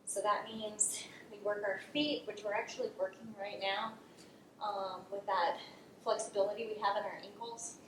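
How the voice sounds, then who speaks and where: A woman's voice: medium pitch, fairly even intonation, moderate pace, a bit bright. Soothing female yoga instructor, encouraging cues and counts, heavily echoing room, distant mic with faint noise. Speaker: yoga instructor leading a class. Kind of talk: guided exercise instruction with counting.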